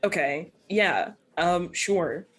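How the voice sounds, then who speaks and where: A woman with a notably low voice running a tabletop role-play as game master. She narrates casually and hesitantly, padding her lines with fillers. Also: animated, very slow, breathy edge.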